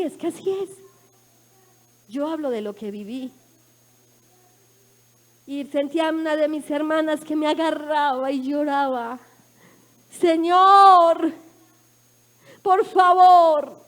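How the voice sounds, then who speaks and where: Una mujer colombiana con acento colombiano que da su testimonio en una prédica, narrando con emoción y pasando de susurros a exclamaciones. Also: female voice, sits high. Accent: Colombian Spanish. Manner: emotional, dramatic storytelling with swings from hushed to loud. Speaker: preacher giving testimony. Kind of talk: sermon testimony. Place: church.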